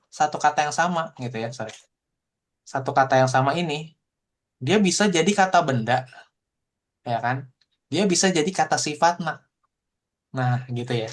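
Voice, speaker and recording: A man teaching a Japanese language class online, explaining in a relaxed, chatty way full of fillers. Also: fairly high pitch. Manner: explains in relaxed casual Indonesian with frequent fillers.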